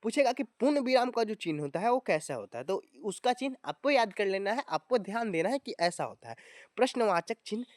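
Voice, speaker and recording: A man's voice: high voice, animated, fairly quick, no echo, clean studio sound. A man teaching a grammar lesson to exam students, explaining step by step and often addressing viewers as friends. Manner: explanatory, often calling viewers "friends" and adding tag words.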